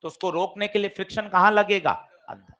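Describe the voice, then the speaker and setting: High-voiced male physics teacher lecturing. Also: a little fast. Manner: lively, addresses students directly with questions. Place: classroom. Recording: dull lo-fi classroom recording.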